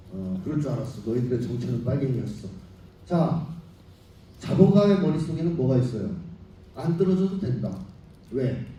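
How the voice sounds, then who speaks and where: A middle-aged man lectures a union crowd with blunt, animated delivery and a stream of rhetorical questions. His voice is very dark and mellow. It carries from a distance across a heavily echoing hall with faint background noise. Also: mid-range voice. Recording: echoey hall picked up from far off.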